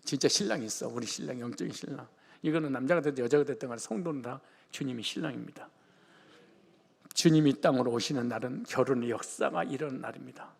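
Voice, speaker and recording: A man's voice: mid-range voice, fast, creaky, husky. A male pastor from the Jeolla region of Korea preaching a sermon in a colloquial, joking manner. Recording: long reverb of a large hall.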